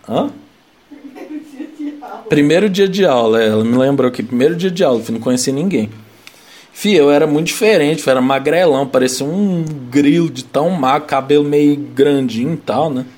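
A man's voice: on the high side, normal speed, darkish tone. A young Brazilian man telling a story in casual chat, packed with slang and fillers and breaking into laughs.

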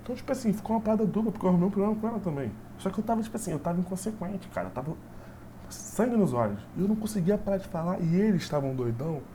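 A man's voice: sits high, animated, rapid-fire, warm tone, a little hiss or hum. A man, telling a personal story in a casual, rambling way full of fillers. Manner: rambling, repetitive, full of "tipo assim" fillers.

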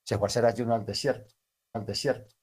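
A man's voice: mid-range voice, steady tone, fast talker, a little mellow, breathy edge. Man preaching, repeating every phrase. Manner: repeats each phrase, emphatic bursts. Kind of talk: storytelling sermon.

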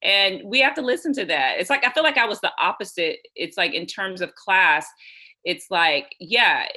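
A woman's voice: medium pitch, animated, moderate pace, sharp tone. An American woman from Houston, a novelist guest, talking reflectively in a casual interview, often circling back with "you know" and "it's like". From Houston, USA.

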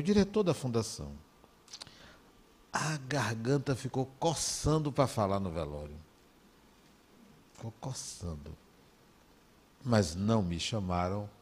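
Lively Brazilian man telling stories. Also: on the low side, breathy edge. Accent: Brazilian Portuguese. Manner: animated, conversational, acts out dialogue. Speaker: speaker giving a talk. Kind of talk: anecdotal storytelling talk.

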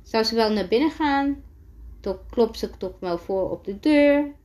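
A woman's voice: a little high, lively intonation, measured pace, darkish tone. A woman reading a children's picture book aloud, carefully, often stopping and restarting words. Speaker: storyteller.

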